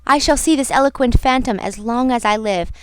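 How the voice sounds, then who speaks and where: A woman reading a classic novel aloud as an audiobook narrator, in a measured, somber manner. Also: a little high, clear, resonant tone, no room sound. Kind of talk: scripted narration.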